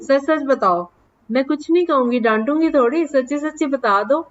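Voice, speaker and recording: A woman math teacher giving a class, patient and often checking that the students follow, dictating numbers slowly. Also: sits high, expressive, muffled recording, a little hiss or hum. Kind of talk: online class lesson in Hindi.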